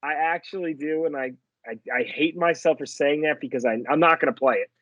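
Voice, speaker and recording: A man's voice: on the high side, fairly bright tone, no room sound, dull audio. Rambling New York guy talking football. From Philadelphia and New York area. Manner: rambling, self-correcting, fast bursts. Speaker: podcast co-host. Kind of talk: casual sports betting chat.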